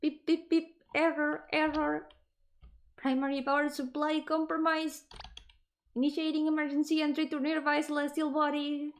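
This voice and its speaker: A woman's voice: sits high, little pitch movement, moderate pace. A woman reading like a glitching robot alarm. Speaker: game streamer. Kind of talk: live game stream.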